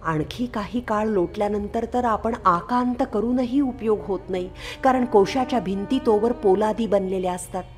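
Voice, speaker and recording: A woman's voice: medium pitch, moderate pace, few pauses, reverberant, faint music behind, natural voice. Woman playing an earnest, hurt young wife. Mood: gentle, urging. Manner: gentle, questioning, anguished.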